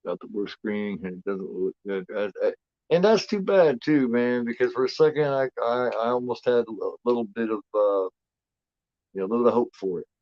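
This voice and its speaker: A man's voice: medium pitch, brisk, dry recording, highs cut off. A man of fifty talks casually and rambles, repeating himself with lots of fillers and the odd curse. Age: 50s. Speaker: host. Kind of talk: casual watch-along commentary.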